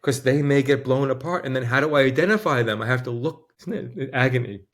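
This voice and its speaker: A man guest in an interview, speaking earnestly and with deep feeling, close to tears at times. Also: a little fast. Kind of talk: emotional conversation.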